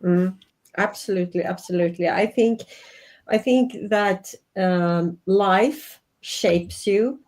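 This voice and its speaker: A Swedish woman in her fifties, a life and business coach, appears as an interview guest and speaks earnestly and reflectively with a Swedish accent. Her mid-range voice is slow and a little mellow.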